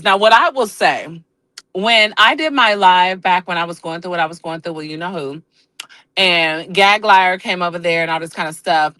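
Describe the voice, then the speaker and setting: Chatting casually from a truck stop while on the road for work, a woman guest on a livestream sounds sassy, calling people girl and honey. Her voice is lowish, bright and forceful, with no echo.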